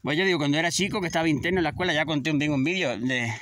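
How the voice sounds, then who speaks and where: A man's voice: fairly high pitch, racing, fairly bright tone. A man in his fifties, a shepherd chatting casually outdoors in a vlog. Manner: chatty, scolds animals between stories. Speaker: shepherd vlogger. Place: outdoors in a field.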